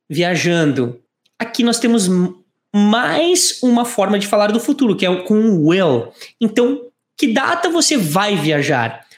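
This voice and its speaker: A woman teaching English phrases in Portuguese, modeling slow, careful sentences for students to repeat. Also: mid-range voice, echoey room. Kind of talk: bilingual language lesson with repetition drills.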